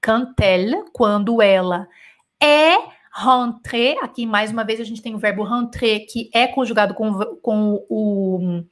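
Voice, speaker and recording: A woman's voice: mid-range voice, a little slow. A Brazilian woman teaching French in a chatty live online lesson, answering comments and repeating sounds to show their rhythm. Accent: Brazilian Portuguese.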